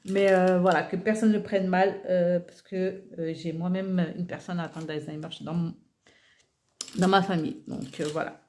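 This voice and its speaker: A woman's voice: lowish voice, steady tone, normal speed, a little mellow. A woman in her forties chatting casually about her budget envelopes, filling her talk with hesitations and counting money aloud. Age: 40s. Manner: chatty, many fillers like euh and voilà. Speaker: budgeting vlogger. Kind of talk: casual chat while sorting cash envelopes. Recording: faint background noise with rustling clicks.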